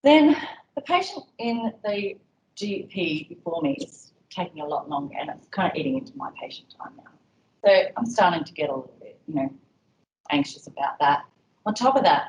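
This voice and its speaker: Far from the mic, a woman with a low voice teaches a session for health staff, chatting casually and leaning on "um" and "you know." The room audio is dull and echoey, with slight background noise.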